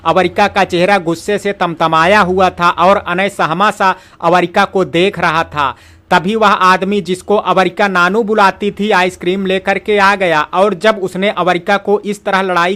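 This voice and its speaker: A man narrating a love story in a steady, expressive reading voice. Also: high voice.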